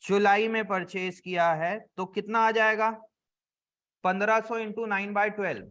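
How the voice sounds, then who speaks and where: A man teaching an accounts class in Hindi with English terms, asking the students questions and answering them himself, and dropping to a low murmur when he scolds or adds up sums. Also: steady tone, slow, fairly bright tone. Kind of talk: classroom lecture.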